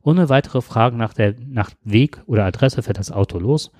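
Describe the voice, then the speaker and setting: Brief: male host reading aloud, mellow tone, dry close sound. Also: medium pitch, dry recording. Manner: brisk storytelling with asides.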